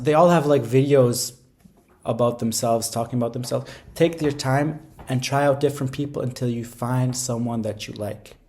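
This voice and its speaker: A man who makes language-learning videos offers casual, rambling how-to advice, informal and emphatic, often repeating phrases for stress. His voice is mid-range with a darkish tone.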